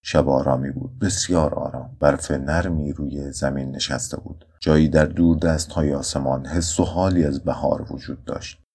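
A man reading a story aloud in a somber, measured first-person narration. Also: very deep voice, fairly even intonation, darkish tone, breathy edge. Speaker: audiobook narrator.

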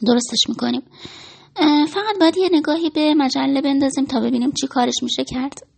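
A woman's voice: sits high, vocal fry, a little mellow. A woman reading a chatty, caring hairdresser. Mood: coaxing.

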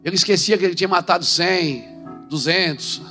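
Male preacher, high-pitched, emphatic, soft-to-shouting sermon delivery over faint music. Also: brisk. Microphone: handheld microphone.

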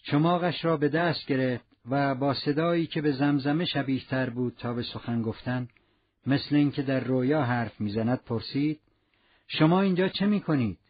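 A man's voice: mid-range voice, steady tone. Man narrating a classic novel, muffled sound. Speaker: audiobook narrator. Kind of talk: scripted narration. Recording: muffled lo-fi recording.

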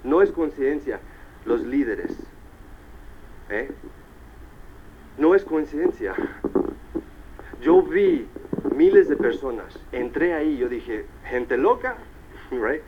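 A man giving an animated motivational speech to a convention audience, dropping English tags like "right?" between his sentences. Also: mid-range voice, slow, long pauses, phone-quality sound, a little hiss or hum. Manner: animated storyteller, peppers Spanish with English tags like "right?" and "all right". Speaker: motivational speaker at a business convention.

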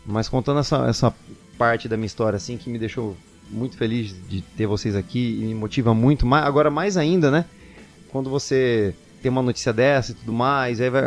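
A young man, a singer telling a personal story casually and animatedly, acting out what people said. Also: medium pitch. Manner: animated, quotes people in excited voices.

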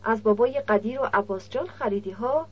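A blunt young nomad camel driver speaks in plain, guarded words, voiced by a woman narrator. The voice sits a little high and husky. The audiobook recording sounds dull and lo-fi.

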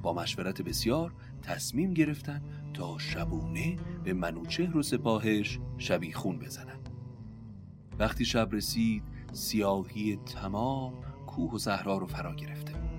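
A man retelling an old epic tale in prose, narrating in a steady, measured way. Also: on the low side, over music. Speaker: storyteller.

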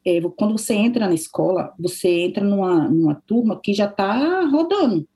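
A Brazilian woman chatting casually as a guest, telling an animated story and acting out the lines of the people in it. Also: mid-range voice, normal speed. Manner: animated storyteller who acts out quoted dialogue. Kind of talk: casual chat.

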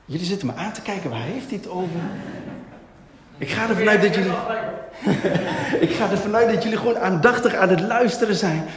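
A man preaching a sermon, asking and answering his own questions in a lively way. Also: high-pitched, brisk, pauses often. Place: church hall. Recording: echoey hall, long reverb.

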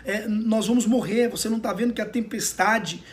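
A panicked wife cries out frantically in a sermon story, as a pastor puts her on. The voice sits high and sounds desperate. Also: fairly quick, a little mellow, far from the mic, natural voice. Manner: frantic pleading. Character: frightened wife, adult woman, panicky.

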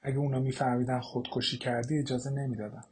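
A man reading an audiobook, voicing a shocked young woman defending herself to her mother, in a husky voice. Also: medium pitch, little pitch movement, darkish tone, lightly acted. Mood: defensive.

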